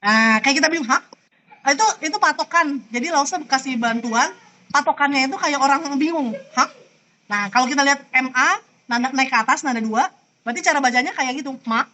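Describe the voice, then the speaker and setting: Bright, high-voiced woman teaching online. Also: brisk, rough recording. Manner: patient, demonstrating tones by example. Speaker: Mandarin teacher. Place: online video call. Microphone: computer mic on a video call.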